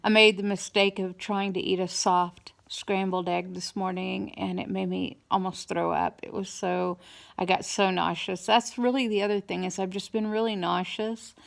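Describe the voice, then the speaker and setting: Her swollen mouth and new teeth slightly hinder her speech as she offers a relaxed, stop-start update on her life. Worn out from dental surgery, she talks with a touch of hoarseness, at medium pitch and with flat delivery.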